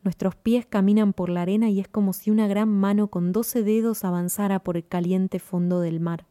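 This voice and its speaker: A woman narrating a story in a measured, even reading. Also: mid-range voice, dry recording, clean studio sound.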